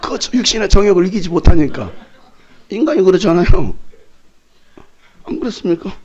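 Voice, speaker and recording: A male pastor in a church sanctuary preaches a sermon full of animated stories, acting out the scenes he retells and shouting during them. His voice is high-pitched, slightly rough and a little fast, captured in lo-fi sound.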